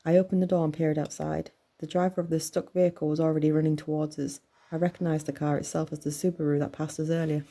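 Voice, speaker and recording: A woman reading a horror story aloud in a measured, tense storytelling manner. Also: low voice, flat delivery. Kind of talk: scripted horror narration. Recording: soft music bed under voice.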